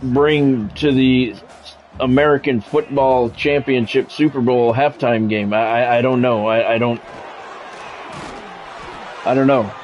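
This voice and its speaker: A man with a medium-pitched, steady voice plays a football video game on a live stream, mixing plain, blunt talk with play-by-play calls. He speaks haltingly and keeps repeating words and phrases. The highs are cut off, and there's a little hiss or hum.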